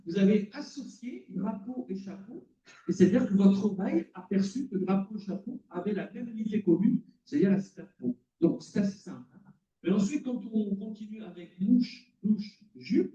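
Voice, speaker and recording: A male lecturer gives a conference talk in a lecture hall and keeps putting questions to the audience. His voice is high for a man but dark and mellow in tone. It is picked up from a distance in a roomy space, with a dull, muffled sound. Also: moderate pace. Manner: explanatory, quizzes the audience. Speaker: lecturer in cognitive psychology.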